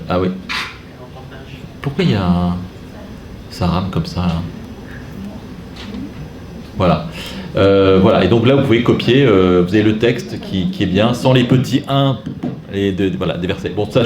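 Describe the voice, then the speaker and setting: A man gives an informal training talk to catechists, chatty and digressive, making self-mocking asides as he demonstrates on a computer. His voice sits low, he moves at a moderate pace with long pauses, and the echoey room carries background noise and faint ambience.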